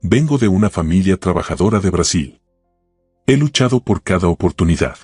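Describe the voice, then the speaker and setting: A man with a deep, husky voice voicing a guarded but sincere young working-class woman who speaks in a measured way. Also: expressive, a little mellow, dry recording, clean studio sound, soft background music.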